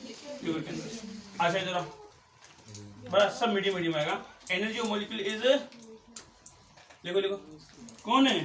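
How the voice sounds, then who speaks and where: A male physics teacher with a high, slightly bright voice explains concepts to his class at normal speed, leaving long pauses. He slips English phrases into his speech and repeats questions to the students. The distant mic picks up an echoey classroom with students' voices in the background.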